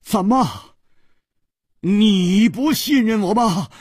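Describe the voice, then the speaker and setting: A man's voice: deep voice, fairly even intonation, a little slow, a little mellow, dry recording, clean studio sound. A male storyteller voicing a proud, stern desert guide who speaks curtly, in a storytelling radio performance. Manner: stern, curt.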